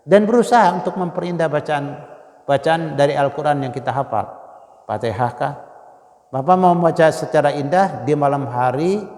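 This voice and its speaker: Emotional Islamic preacher, high voice. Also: male voice, lively intonation, big-room sound. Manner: emotional, swings between loud exclamations and near-whispered prayers; chants Quranic verses slowly in melodic recitation. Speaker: Islamic scholar. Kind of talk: dawn Ramadan sermon.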